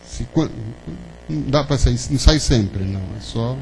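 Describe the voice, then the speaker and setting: A man's voice: medium pitch, normal speed. A man giving a spiritist lecture to an audience, conversational and full of questions to the listeners and tag "né?". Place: lecture hall of a spiritist center. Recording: faint hum behind the talk.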